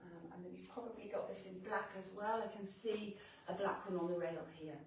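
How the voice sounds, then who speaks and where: A woman runs a live shopping stream from her clothing boutique, chatting casually and laughing as she shows off outfits. Her voice sits at a middle pitch and comes from a little way off the mic. The small shop room rings with a strong echo, and a faint hiss sits underneath. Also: steady tone, fairly quick, vocal fry. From Wales. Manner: chatty, laughs often, talks while changing outfits. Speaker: boutique owner presenting clothes on a livestream. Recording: echoey shop room, voice from a distance.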